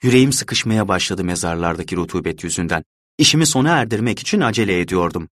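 Low, brooding male storyteller. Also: animated, fairly bright tone, dry recording, studio quality. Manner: measured, brooding first-person storytelling. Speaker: narrator. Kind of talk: dramatic audiobook reading.

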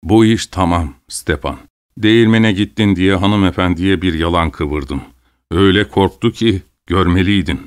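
Guy doing a gruff old peasant dad, low voice, scolding, mocking. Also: normal speed, dry recording, studio quality, natural voice.

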